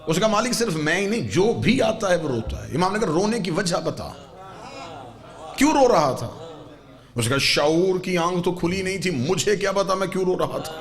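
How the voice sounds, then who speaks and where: A man with a Pakistani Urdu accent preaching a majlis sermon, swinging from loud impassioned shouts to soft, low storytelling. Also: lively intonation, few pauses. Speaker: Shia preacher. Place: religious gathering hall.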